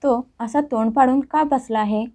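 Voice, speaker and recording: A woman's voice: high voice, moderate pace, mellow, lightly acted. Woman voicing a puzzled middle-aged husband.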